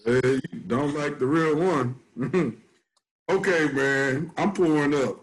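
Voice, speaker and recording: A man's voice: fairly high pitch, takes it slowly, husky, rough recording. A man co-hosting a podcast in casual chat, joking and slangy, laughing a lot. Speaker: podcast co-host.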